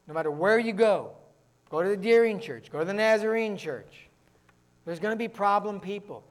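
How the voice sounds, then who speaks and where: A man from the northern United States preaching a sermon as pastor, talking fast and mixing in joking asides. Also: high-pitched.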